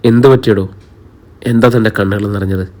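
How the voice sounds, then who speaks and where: A man's voice: fairly low pitch, steady tone, normal speed, warm tone, natural voice. A man reading the part of an affectionate young man who teases his partner's sister in an audio story. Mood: caring.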